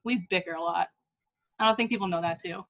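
A woman's voice: on the low side, fast talker, fairly bright tone, rough recording. A young woman in casual chat, self-mocking, swearing freely and laughing often.

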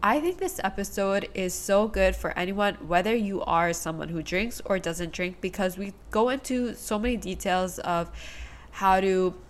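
A woman hosting a podcast, a little under the weather with a nasal, congested voice, speaking in a gentle, upbeat way. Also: mid-range voice, moderate pace. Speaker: podcast host. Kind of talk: podcast intro and interview.

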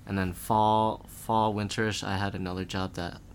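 A young man chatting casually as a podcast guest, talking in a relaxed, rambling way with lots of filler words. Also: fairly low pitch, normal speed, a little hiss or hum. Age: young adult.

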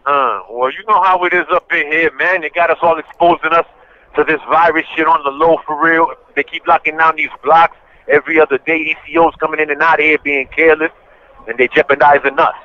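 A man's voice: a little high, fairly even intonation, fairly quick. A man calling in on a prison phone line to a podcast, talking in blunt street slang and rambling through complaints. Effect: on a prison phone call. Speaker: inmate calling in. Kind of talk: casual phone chat. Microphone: prison payphone handset. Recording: muffled prison phone line, faint hiss.

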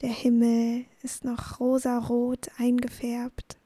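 A woman narrating a guided bedtime sleep meditation in a soothing, gentle, breathy voice that often nears a whisper. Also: fairly high pitch, completely flat delivery, slow pace. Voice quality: breathy, soft.

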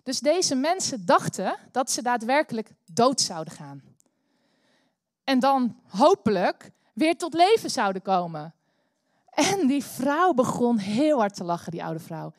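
A Dutch woman preaching a sermon in church, telling a story with animated bursts of energy. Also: fairly high pitch, unhurried, no echo, clean studio sound. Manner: animated, bursts into loud cheering when acting out the story. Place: church hall.

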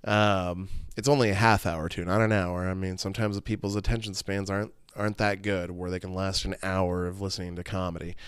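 A man's voice: deep voice, flat delivery, a little fast, few pauses, clear, resonant tone, dry recording, studio quality. A man in his late thirties hosting a solo podcast, rambling and swearing casually as he talks to his listeners. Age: 30s. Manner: rambling, profane, self-deprecating. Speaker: podcast host.

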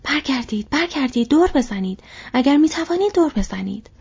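A woman voicing a steady leader who snaps out raised orders, then drops to a very breathy whisper to explain. The sound is dull and lo-fi. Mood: commanding. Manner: commanding, then low and explaining. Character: Aragorn, steady leader man giving orders.

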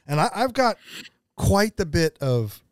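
A man's voice: high-pitched, sing-song, unhurried, clean tone, no echo, clean studio sound. An American man co-hosting a podcast in casual, rambling chat, speaking with emphasis. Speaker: podcast co-host.

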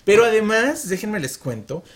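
A man's voice: sits high, very animated, moderate pace. A man from Mexico City with a Mexican accent, hosting a radio show in an upbeat, chatty way. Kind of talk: casual chat.

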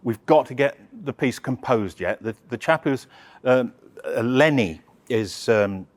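Male presenter, conversational Q&A, halting delivery with frequent restarts. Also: mid-range voice, animated. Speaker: opera project presenter. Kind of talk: answering audience questions. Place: live talk session.

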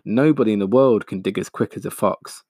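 A man's voice: on the low side, brisk, darkish tone, husky, dry recording, clean studio sound. A man voicing a clever, caring father fox in a storybook reading, firm and commanding. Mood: urgent.

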